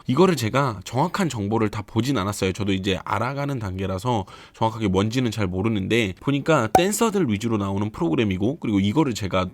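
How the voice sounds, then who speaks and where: Fast-talking man reviewing dance clips. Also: lowish voice. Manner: chatty, explanatory, addresses viewers directly. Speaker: dance trainer reviewing a show. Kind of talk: casual video commentary.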